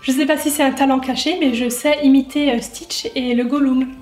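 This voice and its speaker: High-voiced chatty young woman, echoey kitchen. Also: fairly even intonation, fairly quick, darkish tone, faint music behind. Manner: chatty and self-mocking, frequent fillers. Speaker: lifestyle YouTuber. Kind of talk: casual Q&A vlog while cooking. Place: home kitchen.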